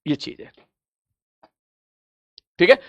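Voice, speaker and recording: A man's voice: slow pace, dry recording. A male physics teacher giving a live online coaching lecture. He talks straight to his students, keeps checking "okay?", and scolds them playfully.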